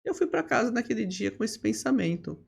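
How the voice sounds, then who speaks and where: A woman, a lawyer telling her career story as a podcast guest, steady and full of tag questions and hesitation fillers. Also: a little high, fairly quick, vocal fry, slightly rough. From Brazil. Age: 50s. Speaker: lawyer and bar association leader, podcast guest. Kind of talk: relaxed interview storytelling.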